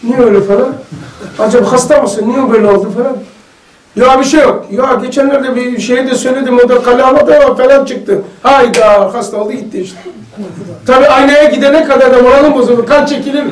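A man's voice: extremely high pitch, fairly quick. A man leading a casual religious study group, telling stories and asking the group questions. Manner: chatty, storytelling, asks the group questions. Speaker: religious study circle leader. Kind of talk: casual religious lesson with anecdotes. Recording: echoey room, mic far off.

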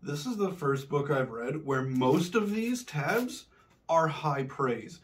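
A man's voice: a little high, expressive, slow pace, far from the mic. A man reading a scripted book review, sarcastic and swearing when he is frustrated.

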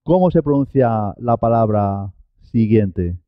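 A man's voice: on the low side, expressive, slow pace, no echo, highs cut off. A man teaching a Spanish pronunciation lesson, carefully enunciating each sound and model word. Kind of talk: slow, clear pronunciation lesson.

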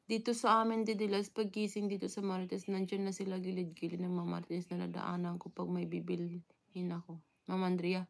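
A woman's voice: fairly low pitch, little pitch movement, a little fast, creaky. A Filipino woman from the Philippines chatting casually on a live stream, greeting viewers one by one with frequent fillers and laughs.

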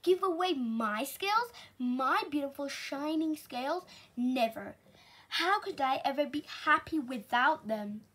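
A woman's voice: sits high, animated, slow. A woman reading aloud, voicing a proud, vain young male fish in a children's story. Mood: distressed. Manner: haughty, indignant.

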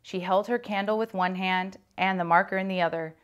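A woman reads a children's chapter book aloud, her pitch sitting in the middle range. She tells the story clearly and expressively, shaping each sentence for young listeners. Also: steady tone, fairly quick.

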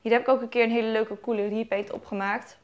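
A woman's voice: a little high, flat delivery, fast talker, muffled recording. A young woman vlogger chatting casually as she unboxes toy horses at home, correcting herself and giggling now and then. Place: at home in sunlight.

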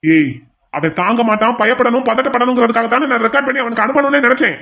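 A man's voice: very high voice, fast, vocal fry, sharp tone, exaggerated voice. A man voicing a cruel male kidnapper in a cartoon drama, taunting and threatening his captive with mocking questions.

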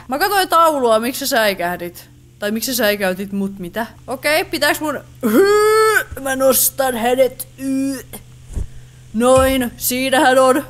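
A woman's voice: a little high, fairly bright tone. A woman with a Finnish accent giving let's play commentary on a horror game, chatty and jumpy, with startled exclamations. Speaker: gaming YouTuber.

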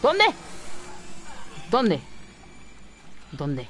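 Young woman streamer, lively pitch, swears and shouts at enemies. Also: drawn-out words. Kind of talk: live gameplay commentary.

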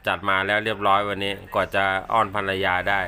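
A man giving a casual hands-on unboxing demonstration, speaking haltingly and repeating words as he handles items. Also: on the low side, flat delivery, sharp tone. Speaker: unboxing presenter.

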